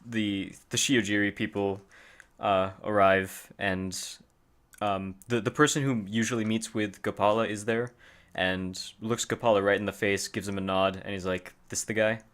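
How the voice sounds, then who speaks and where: Low-voiced man running a tabletop game. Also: steady tone, fairly bright tone. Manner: halting narration with fillers, chuckling. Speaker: game master.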